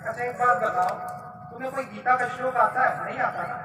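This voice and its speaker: Man as a smooth-talking young man turned shouting husband, amateur stage skit, far mic, noisy hall. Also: extremely high pitch, brisk. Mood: coaxing. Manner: shouting, bossy. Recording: echoey hall, distant PA mic.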